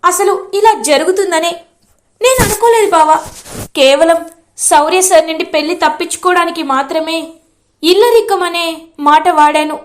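A woman's voice: very high voice, normal speed, pauses often. A woman voicing an upset young bride-to-be urging her cousin to stop a wedding, in a retold serial story. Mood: urgent.

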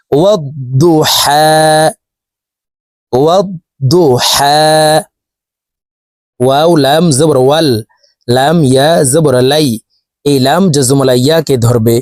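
A man's voice: mid-range voice, a little mellow, no room sound, studio quality. Man teaching Quran recitation, spelling letters. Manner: addresses viewers as dear viewers, spells letters and vowel marks aloud. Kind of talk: spelling-out tajweed lesson with slow chanted recitation.

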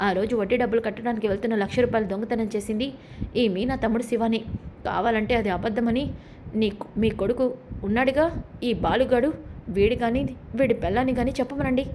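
A scheming, sharp-tongued mother-in-law, as a woman narrator reads her hurls accusations. Her lines come fast and a little high. The delivery stays close to a storyteller's plain voice. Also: fairly even intonation, slight background noise, lightly acted. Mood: accusing. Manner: accusing, bossy.

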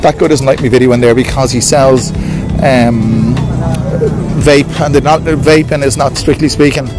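A man's voice: medium pitch, fairly even intonation, moderate pace, rough recording. An Irish man in his fifties hosting a casual street vlog at a night market, rambling and repeating himself as he talks to his viewers. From Ireland. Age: 50s. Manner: chatty, repetitive, addresses viewers as lads. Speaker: vlogger host. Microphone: handheld camera mic. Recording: outdoor street with crowd and music.

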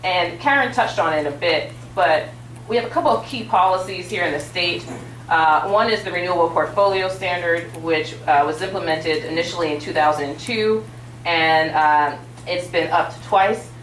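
A woman's voice: fairly low pitch, normal speed, fairly bright tone, a little hiss or hum. A woman commissioner giving formal policy remarks on a panel, with many small fillers. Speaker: state utilities commissioner on a panel. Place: large auditorium stage with audience. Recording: roomy hall sound from a distance.

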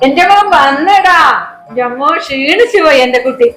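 A woman's voice: sits high, lively intonation, normal speed, fairly bright tone, low-quality recording. A woman acting as a fussy, doting grandmother in a family sketch, with light music behind. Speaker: grandmother character.

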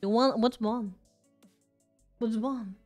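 A woman streamer rambles through a casual live-stream chat while her voice is giving out. She is chatty and self-deprecating, speaking slowly in a slightly high, slightly mellow voice over soft background music.

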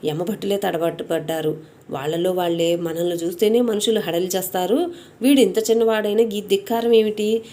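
A woman narrating a devotional story in a steady, even storytelling manner. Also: mid-range voice, a little fast.

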